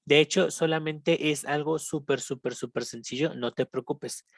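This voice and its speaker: Mexican english teacher going over grammar, calm and patient, slows down on the english words, keeps checking in. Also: medium pitch, vocal fry, no room sound, studio quality. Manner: patient, repeats each example, checks in with students; switches between Spanish and slow English examples. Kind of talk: recorded online grammar lesson.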